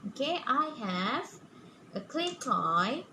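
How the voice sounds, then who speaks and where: A woman with a fairly high voice speaks very slowly in a kids show host manner, guiding young children through a simple demonstration. Her delivery is halting, with frequent little check-in questions. The recording has clear background noise. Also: sing-song. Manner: halting, often punctuated with "okay?". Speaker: preschool science teacher presenting a demonstration. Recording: clearly noisy room recording.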